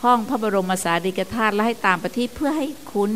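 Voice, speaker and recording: An older woman, a nun on a radio show, gently teaching about chanting and family life. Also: medium pitch, quick pace, a little hiss or hum. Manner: gentle teaching, sometimes laughs and mimics chanting. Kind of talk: dharma talk on radio.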